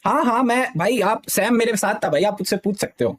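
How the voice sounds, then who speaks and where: A young gaming streamer with a high, expressive voice briskly explains a dispute to his live-stream chat. He is insistent and says "theek hai" often.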